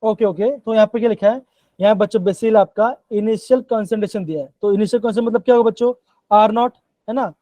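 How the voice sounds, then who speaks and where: A man leads a live online chemistry class and keeps checking in with his students in a coaxing way. His voice is mellow and darker in tone, and it sounds dry and close, as if through a call mic. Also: high voice, fairly even intonation, quick pace, no echo, rough recording. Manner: coaxing, repeats "bachchon" and "theek hai". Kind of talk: live online class in Hindi-English mix.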